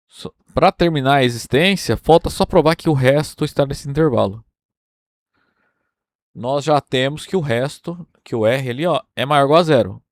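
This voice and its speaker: A man's voice: mid-range voice, normal speed, no echo, clean studio sound. Brazilian man lecturing through a proof. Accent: Brazilian Portuguese. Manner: explains step by step, checking in with "tá?" and "né?". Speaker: university math lecturer.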